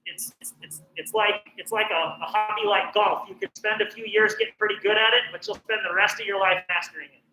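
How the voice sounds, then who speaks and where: A middle-aged man from northern New Mexico teaches a cooking class in a chatty, encouraging way, often pausing on "um." His voice sits high and sounds bright. The recording has a noticeable echo and a faint hiss underneath. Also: steady tone. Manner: chatty, encouraging, frequent "um" fillers. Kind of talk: casual cooking presentation.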